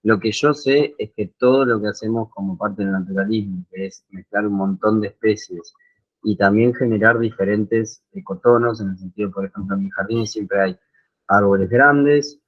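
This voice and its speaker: A man's voice: on the low side, normal speed. Hesitant man on a muffled video call. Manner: hesitant, searching for words. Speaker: guest landscape designer. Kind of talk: online Q&A answer. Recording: dull video call audio.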